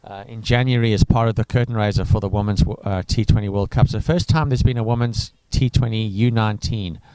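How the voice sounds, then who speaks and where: A man's voice: lowish voice, steady tone, fast talker, mellow, slight background noise, poor audio. A man from Africa, giving chatty live cricket commentary full of enthusiastic asides. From South Africa.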